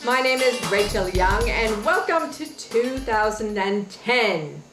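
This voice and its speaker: A woman's voice: a little high, lively intonation, slow pace, reverberant, over music. A woman doing a sing-song fake British presenter. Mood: cheery. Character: overdone cheery British-style woman presenter.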